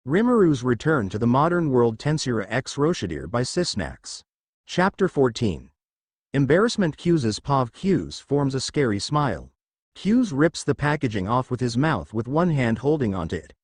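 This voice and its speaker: A man reads fanfiction aloud for his channel, telling the story with animated energy. His pitch swings widely through the lines. The recording is dry and close. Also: normal speed, no room sound. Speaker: fanfiction narrator.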